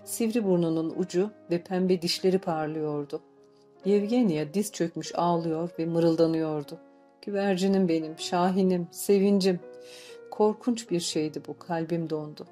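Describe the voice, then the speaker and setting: Mellow woman narrating an audiobook. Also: on the low side, normal speed. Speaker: audiobook reader. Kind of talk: scripted narration. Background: faint background music.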